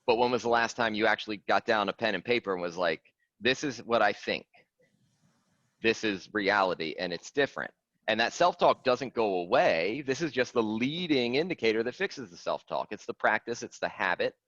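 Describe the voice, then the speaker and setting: A man, coaching clients on a video call in an earnest, animated way, stressing key phrases by repeating them. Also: fairly low pitch, normal speed, dry recording. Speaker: fitness coach. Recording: dry, dull lo-fi call audio.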